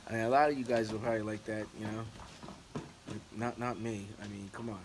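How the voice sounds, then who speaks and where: A man's voice: lowish voice, fairly even intonation, quick pace. A man chatting casually to his viewers in a rambling, repetitive, hesitant way, like a home-brew vlogger. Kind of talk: casual rambling vlog chat. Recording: noisy recording with clicks.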